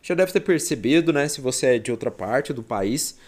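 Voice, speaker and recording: A young male teacher with a Goiás Brazilian Portuguese accent runs a relaxed exam-prep lesson. He talks in a chatty, slangy way and keeps things playful. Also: medium pitch, moderate pace.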